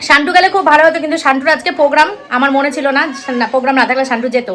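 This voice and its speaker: Quick, high-voiced woman with a Kolkata Bengali accent. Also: a bit bright. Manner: chatty, repeats herself, talks to viewers as friends. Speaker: vlogger. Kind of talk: casual home vlog to viewers. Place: home kitchen.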